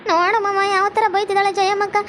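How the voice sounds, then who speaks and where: A woman's voice: very high-pitched, level tone, fast, a little hiss or hum, pitched above the performer's own voice. A woman voicing a timid, obedient young bride-to-be. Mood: meek. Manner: soft and obedient.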